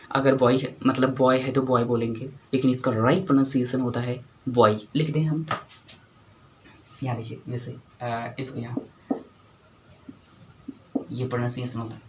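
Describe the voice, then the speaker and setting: A man giving a spoken English grammar lesson with a mid-pitched voice. He says the important words again and again and checks on his students with quick questions. A faint noise runs under the recording. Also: poor audio. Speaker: English teacher.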